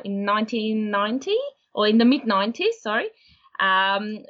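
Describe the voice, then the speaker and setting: Calm woman from Austria, muffled call audio. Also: mid-range voice. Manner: steady, explanatory, unhurried. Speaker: guest, horse breeder. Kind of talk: casual interview.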